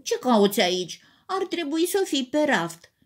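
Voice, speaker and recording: A woman's voice: high voice, lively intonation, pitched above the performer's own voice. A woman voicing a grumpy, hurt felt teddy bear in a children's story. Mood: grumbling. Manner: complaining, gruff.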